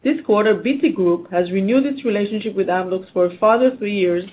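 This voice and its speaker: An executive reads scripted quarterly results in a formal, stiff corporate delivery over a conference call line. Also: a little fast. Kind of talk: scripted earnings call presentation. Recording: narrow phone-line sound, faint rumbling noise.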